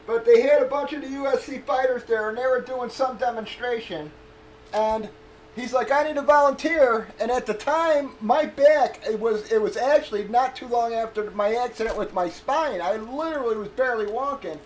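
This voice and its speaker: A man's voice: very high voice, moderate pace, a little mellow, slight background noise. A man streaming casually, telling a rambling, profane story and stalling as he gropes for names. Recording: echoey room with faint ambience.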